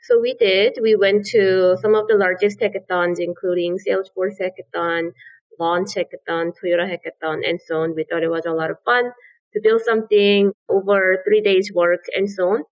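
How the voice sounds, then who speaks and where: On a muffled recording, a woman from South Korea who founded a startup speaks in a steady, mid-range voice at a moderate pace. As a podcast guest she's earnest and explanatory, leaning on "absolutely" and "so."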